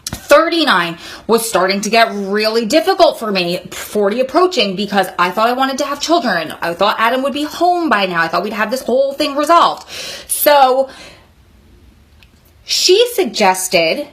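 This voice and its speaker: A 39-year-old woman, nearly 40, gives candid advice to prison wives in a vlog. Her fairly high voice is sing-song and a bit bright, at a moderate pace, and she speaks in an earnest, encouraging, conversational way.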